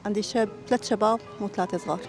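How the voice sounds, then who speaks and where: A middle-aged woman with a Syrian Arabic accent answers questions in a casual personal street interview, speaking rapid-fire in a medium-pitched, darkish voice. Background music plays under her voice.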